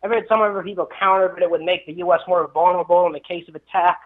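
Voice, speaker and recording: A fairly high-pitched young man calls in to a radio show, his voice muffled and dulled by the phone line. He stumbles over his first words, then hurries through a long, run-on question. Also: fairly even intonation, racing. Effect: calling in over a phone line.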